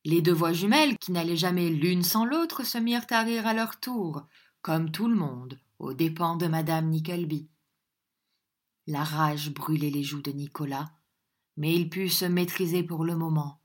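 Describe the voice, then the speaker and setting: Woman, audiobook reader, low-pitched, measured, steady narration. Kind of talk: scripted narration of a classic novel.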